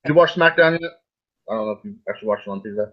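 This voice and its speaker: Fast-talking man, muffled lo-fi audio. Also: on the low side, expressive. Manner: rambling, blunt, mild swearing. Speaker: co-host. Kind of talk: casual wrestling chat. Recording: dull lo-fi sound.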